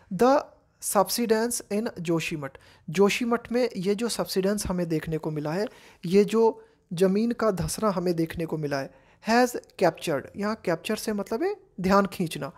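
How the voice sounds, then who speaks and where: An Indian woman teaching English, reading editorial phrases slowly and explaining each one in Hindi. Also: medium pitch, a little mellow.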